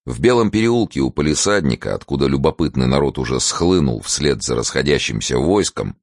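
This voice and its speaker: A man's voice: rumbling low, fairly quick, no room sound, studio quality. A man narrating an audiobook expressively, shifting into voices for the characters. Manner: expressive storytelling with acted voices.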